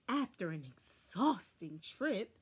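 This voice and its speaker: Husky and mid-range, this young woman's voice rises and falls dramatically as she reads a children's storybook expressively and with deliberate emphasis. She's filmed by a nearby camera inside a small furnished room.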